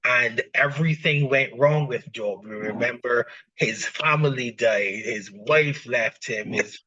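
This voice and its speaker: A male host responds to his guest with steady encouragement and halting restarts. His voice is bright but raspy, and his pace is unhurried. The audio is dull and lo-fi, like a video call. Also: medium pitch. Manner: encouraging, with many listening murmurs and restarts. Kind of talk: interview chat.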